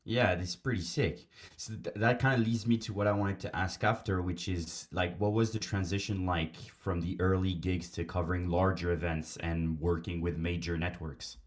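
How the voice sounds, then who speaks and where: A podcast host interviewing a guest in a relaxed way, with frequent "yeah"s and fillers. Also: low voice, normal speed, hardly any pauses. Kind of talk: casual interview chat.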